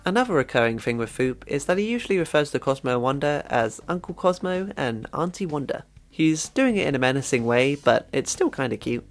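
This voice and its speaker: A man's voice: medium pitch, lively intonation, brisk, hardly any pauses, faint music behind. Man narrating a wry video essay. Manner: wry, chatty commentary.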